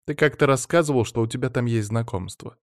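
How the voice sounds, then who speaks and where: A man's voice: mid-range voice, fast, no echo, studio quality, natural voice. Shrewd practical mother, voiced by a man. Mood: advising. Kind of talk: audiobook reading.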